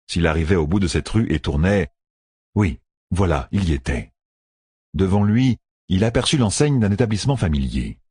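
Deep husky guy reading a fantasy audiobook, bouncy intonation, dry booth sound. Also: no room sound. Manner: expressive, storytelling. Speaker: audiobook narrator. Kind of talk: scripted fantasy narration.

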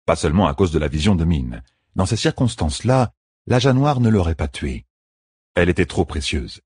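A man narrating an audiobook in a measured, expressive storytelling manner. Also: low voice, slightly rough, no echo, studio quality. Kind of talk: scripted narration.

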